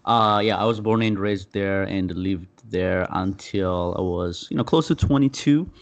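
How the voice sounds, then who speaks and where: A young man from Ethiopia, a podcast guest, telling his story in a halting way with many fillers and restarts. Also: sits low. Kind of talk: casual interview.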